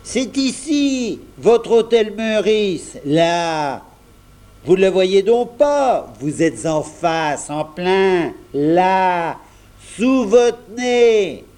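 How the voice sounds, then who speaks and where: A man voicing a sulky young shop boy who pleads and complains in a high, whining voice. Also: lively intonation, extremely slow, darkish tone, exaggerated voice. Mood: urging. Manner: whiny, complaining, rising pitch.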